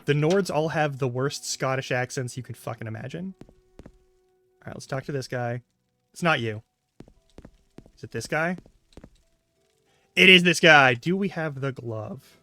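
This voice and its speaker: A man's voice: mid-range voice, a little slow, long pauses, pushed and bright, faint music behind. A man casually chatting and swearing freely while streaming a game. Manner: rambling, frank, swears casually. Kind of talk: casual live-stream commentary.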